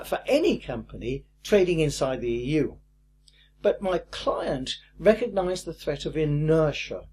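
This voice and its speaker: An older man teaching a recorded course lesson in a lively, emphatic way with a husky voice. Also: a little high. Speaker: course instructor.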